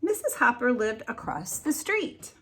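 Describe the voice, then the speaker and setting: A woman teacher reads a children's story aloud as a lesson, her fairly high voice slightly husky. She enunciates deliberately and gives the words expressive storybook emphasis, with a little hiss or hum in the recording.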